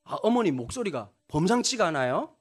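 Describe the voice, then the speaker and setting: High, lively-voiced male preacher. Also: fairly quick, slightly rough. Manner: humorous anecdotal storytelling, addressing the congregation. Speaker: pastor. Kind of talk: sermon.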